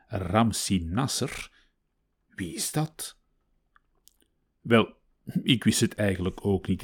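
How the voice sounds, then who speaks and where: Calm man reading slowly. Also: medium pitch, husky. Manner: calm, unhurried reading with lively intonation. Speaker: podcast host. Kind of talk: podcast narration and poetry reading. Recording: music playing behind the voice.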